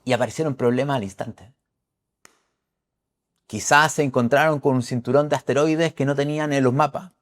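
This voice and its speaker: A man's voice: medium pitch, moderate pace, long pauses. A middle-aged man giving an astrology forecast talk, emphatic and preacherly, repeating key phrases.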